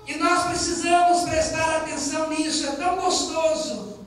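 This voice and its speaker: A pastor with a Minas Gerais Brazilian Portuguese accent preaches a sermon conversationally, stressing key lines. His voice is extremely high-pitched, a bit bright, fairly even, and at normal speed. Recorded from a distant mic in a very echoey church sanctuary.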